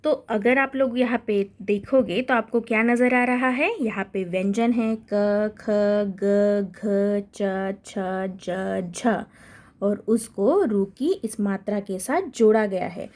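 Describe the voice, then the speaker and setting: Slow, patient woman teacher. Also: medium pitch, a little mellow. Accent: Indian. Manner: patient, drawn-out syllable drills, frequent "ठीक है?" check-ins. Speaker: primary school Hindi teacher. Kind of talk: slow recorded online lesson for young children.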